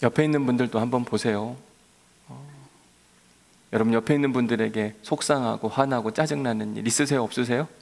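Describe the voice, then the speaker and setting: A man's voice: mid-range voice, steady tone, brisk, gravelly. A male pastor preaching a sermon, coaxing his congregation with direct questions and prompts. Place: church sanctuary. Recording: long church hall reverb.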